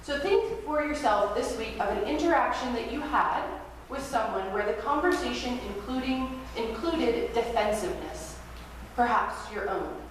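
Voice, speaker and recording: A woman pastor preaching a sermon at a pulpit microphone in a church sanctuary, in a gentle, reflective way that invites listeners to practice. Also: fairly high pitch, animated, normal speed, hardly any pauses. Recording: very echoey church hall, distant mic, faint hiss.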